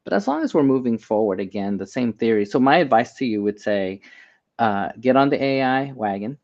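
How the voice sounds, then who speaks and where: This American interview guest, a doctor and healthcare AI expert, speaks fairly quickly and expressively at medium pitch with a darkish tone. The sound is dull and lo-fi, and he stays earnest and conversational while giving advice and telling personal stories.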